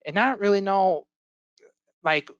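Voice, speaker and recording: On dull audio from a computer mic with no room sound, a man teaching IT gives an informal webinar in a high-pitched, slightly bright voice at a slow pace. He's losing his voice to illness, so it's a little hoarse, and he stumbles through many fillers and restarts.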